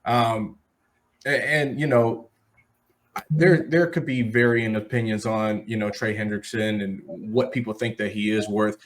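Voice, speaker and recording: A man's voice: on the low side, steady tone, unhurried. A man hosting a sports talk show in a casual, conversational style, speaking directly to listeners as he gives his commentary. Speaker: sports podcast host.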